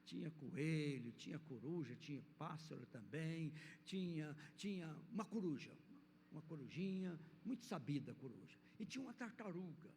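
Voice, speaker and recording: An older man with a Brazilian Portuguese accent preaches in a church hall, telling a children's story in a rambling storyteller's manner. His voice is a little high and darkish, animated, and moderately paced. The hall is reverberant, with faint noise.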